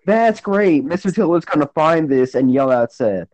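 A young man in casual call chat with friends, playful and mocking, firing off quick jabs. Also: fairly high pitch, lively intonation, darkish tone, no room sound, highs cut off. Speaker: podcast co-host.

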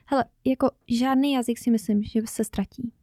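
A woman's voice: fairly high pitch, fairly even intonation, warm tone. A woman from northern Bohemia, a travel content creator, chatting animatedly as a podcast guest and laughing often. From northern Bohemia, Czechia. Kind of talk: casual podcast chat.

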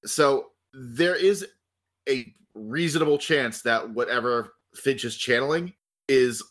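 A man's voice: mid-range voice, slow pace, a bit bright. A man acting as game master, bantering casually and teasingly with his players and swearing freely. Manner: teasing, jokey.

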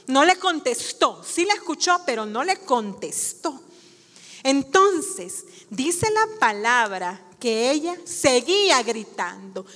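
A woman delivers a sermon as a guest preacher, her voice sitting high for a woman. She keeps turning to the congregation with rhetorical questions. Her words ring out with a long reverb in the church hall. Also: fairly bright tone.

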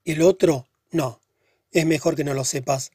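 A man reading the part of a pale, troubled young woman who speaks softly and sadly. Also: low voice, steady tone, a little slow, slightly rough, dry recording, studio quality. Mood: pleading. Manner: soft, subdued and hushed.

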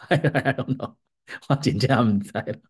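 A man's voice: measured pace, slightly rough. A man hosting a casual podcast as an English teacher, telling a classroom story and sounding out English words to show intonation. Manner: animated storytelling, pitch rising as he gets excited; demonstrates English word intonation aloud.

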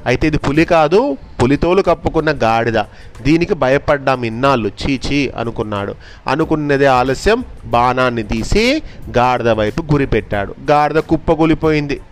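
Man slowly telling a fable. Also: mid-range voice, faint music behind. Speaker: storyteller. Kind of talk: reading a fable aloud, then explaining it to a child.

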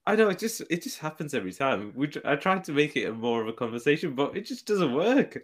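A man co-hosting a motoring podcast, his pitch swinging up and down with real animation. He laughs easily and moves between loose chat and reading the show intro. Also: fast. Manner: laughs easily, lively delivery. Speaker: podcast co-host.

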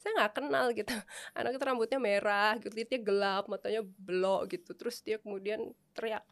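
A woman's voice: mid-range voice, fairly quick. A woman from Indonesia, a guest in a casual interview, who tells stories animatedly and laughs often. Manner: animated, laughs often, acts out remembered dialogue.

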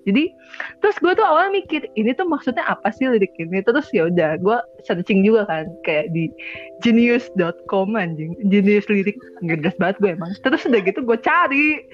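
Chatting casually as a podcast co-host, a young Jakarta-accented woman acts out her thoughts in a sing-song, medium-pitched voice at normal speed. Faint music plays under the slightly dull, lo-fi sound.

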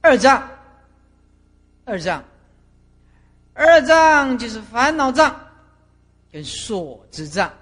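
Woman Buddhist master giving a doctrinal lecture, high and animated delivery, long hall reverb. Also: slow, long pauses. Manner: animated storyteller who acts out scenes. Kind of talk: doctrinal lecture with personal stories.

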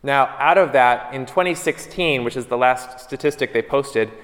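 A man leads a church service as its priest, speaking into a pulpit microphone at an ordinary middle pitch. His delivery is steady and measured. The sound rings out with the long reverb of a church interior. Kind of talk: gospel reading and homily.

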